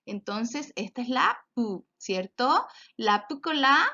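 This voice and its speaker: A high-voiced woman leads a children's phonics lesson. She stretches out every word very slowly and praises often. The recording sounds dull and lo-fi. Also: animated, sharp tone. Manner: slow, drawn-out words for children, encouraging praise. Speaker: teacher.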